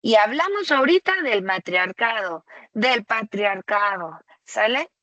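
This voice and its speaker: A woman presenting a webinar lecture for tutors, explaining slowly and conversationally and often checking in with a rhetorical "¿sale?". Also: mid-range voice, animated, bright, forceful tone, no echo, low-quality recording.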